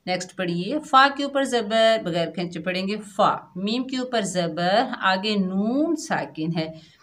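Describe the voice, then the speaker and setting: Female tutor, very slow, patient step-by-step delivery for children, long drawn-out practice syllables. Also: medium pitch, lively intonation, fairly bright tone. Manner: patient, explains each rule step by step, then draws out drawn-out practice syllables. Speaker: Quran tajweed teacher. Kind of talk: slow children's recitation lesson.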